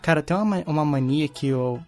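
A man's voice: fairly high pitch, fast, darkish tone, soft background music. A young man in casual chat, telling an anecdote with slangy fillers.

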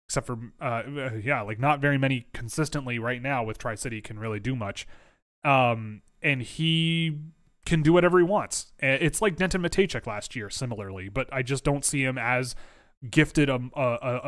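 A man's voice: medium pitch, fairly bright tone. A man answering viewer questions about hockey prospects in a casual livestream, rambling with lots of fillers and restarts, his voice wearing out. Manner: rambling, self-interrupting, filler-heavy. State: losing his voice.

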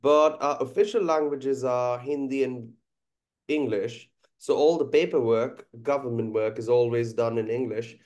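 A guest musician and teacher from India, Bengali by first language, talks in a conversational podcast interview with a darkish, mid-range voice. His delivery is careful and reflective, punctuated by frequent "uh" pauses.

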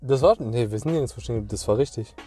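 Young male co-host, warm dark tone, laid-back slangy gamer talk over soft music. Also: medium pitch, very fast. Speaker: podcast co-host. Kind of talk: casual chat.

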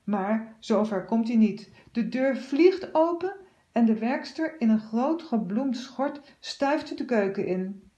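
A woman calmly reading a children's story aloud. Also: on the high side, slow pace.

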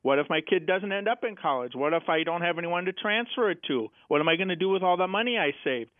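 A man's voice: high voice, animated, fast talker, no room sound. An American man explaining things as a financial advisor guest, plain-spoken, with examples and rhetorical questions. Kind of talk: explanatory interview talk. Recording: tinny phone-like radio sound.

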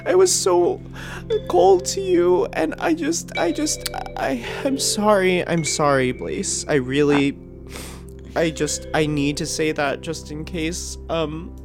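A woman's voice: extremely high pitch, fast, hardly any pauses, over music, pitched above the performer's own voice. A woman voicing a young woman who is weeping and stammering apologies in a tabletop game. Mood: tearful apologetic. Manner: sobbing, breathless, stammering apologies.

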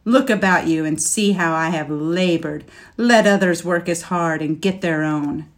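A woman's voice: low-pitched, steady tone. Scorch, a scornful dragon, as a woman puts him on. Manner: slow, forceful, contemptuous delivery. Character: proud scornful male dragon, huge and menacing. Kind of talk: storybook reading.

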